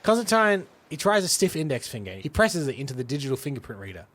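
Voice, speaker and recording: A man hosting a podcast, casually retelling a film script with animated delivery and frequent laughs. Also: fairly high pitch, quick pace, noisy background. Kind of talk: casual storytelling chat.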